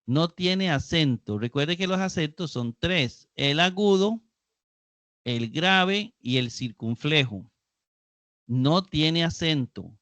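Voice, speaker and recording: A man leads a live online Greek grammar class at an unhurried pace, patiently repeating key terms. His voice sits a little high and sounds dry and close to the mic. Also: lively intonation, fairly bright tone, dry recording. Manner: patient, explains slowly and repeats key words. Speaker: Greek teacher.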